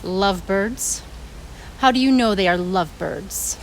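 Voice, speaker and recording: A woman's voice: medium pitch, measured pace, a little hiss or hum, pitched below the performer's own voice, natural voice, poor audio. A woman voicing an anxious, easily alarmed elephant in a picture book, fretting and exclaiming in questions. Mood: worried, baffled. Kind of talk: picture book read-aloud.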